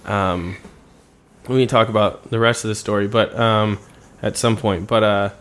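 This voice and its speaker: A man's voice: on the low side, fairly even intonation, normal speed, fairly bright tone, clean tone. A young man co-hosting a podcast, keeping the casual chat moving with dry remarks and stories. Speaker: podcast co-host.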